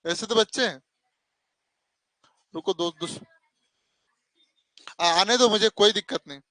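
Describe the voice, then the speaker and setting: A man's voice: sits high, a little slow, bright, forceful tone, no room sound, rough recording. A man teaching a math class. He talks sternly, calls his students "beta", and keeps asking "hai na?". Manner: stern, scolding, calls students 'beta', asks 'hai na?'. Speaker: coaching teacher. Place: classroom with students and online viewers.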